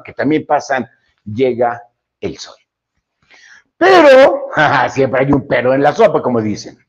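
A man's voice: fairly high pitch, a little mellow, dull audio. A Mexican man in his fifties hosting a podcast, giving a reflective, self-deprecating motivational monologue with rhetorical questions. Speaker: podcast host.

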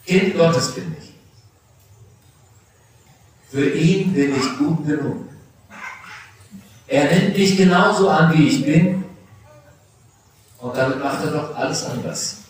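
Middle-aged pastor preaching in an echoey church. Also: male voice, on the high side, lively intonation, slow, pauses often, a little hiss or hum. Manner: warm-hearted, personal, speaks directly to teenagers. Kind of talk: confirmation sermon. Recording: echoey church recorded from a distance.

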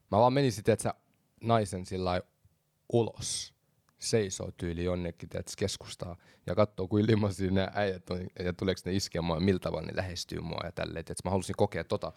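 A young man co-hosting a podcast in casual chat, animated and slangy, dropping English phrases. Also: low voice, gravelly, dry recording, clean studio sound. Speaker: podcast co-host.

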